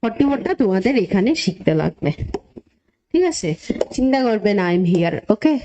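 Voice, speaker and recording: A woman's voice: mid-range voice, very animated, moderate pace, mellow, highs cut off. A woman teacher explaining a lesson step by step, often checking in with her students and mixing English terms into her speech. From Tripura, India. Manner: mixes English terms into Bengali. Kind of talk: classroom lesson.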